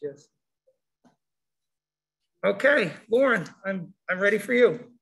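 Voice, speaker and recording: A man with a high-pitched voice talks through a face mask, slightly muffled. He gives an informal welcome-session presentation to families as a school supervisor. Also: expressive, unhurried, vocal fry, a bit bright. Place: indoor school room, standing before a presentation screen.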